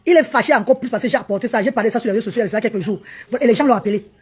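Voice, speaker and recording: A woman's voice: a little high, darkish tone, slightly rough. A woman, vlogging on social media in a defiant, indignant way. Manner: rapid-fire, defiant, indignant.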